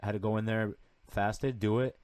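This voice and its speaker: A man's voice: on the low side, steady tone, a little fast, a little mellow, smooth, no echo. A young man chatting casually like a frat bro, with lots of slang and swearing. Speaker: podcast guest. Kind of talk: casual chat.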